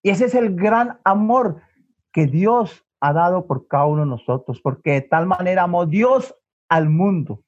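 High-voiced male preacher, lo-fi. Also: expressive, a little slow, darkish tone. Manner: earnest, repeatedly addresses the brethren, dramatic drops in volume. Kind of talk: sermon storytelling. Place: church. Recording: dull lo-fi recording.

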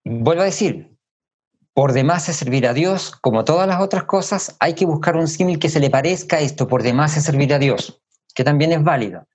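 A man preaching a sermon in a measured way, repeating key phrases for emphasis and pausing to think aloud. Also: a little high, slightly rough.

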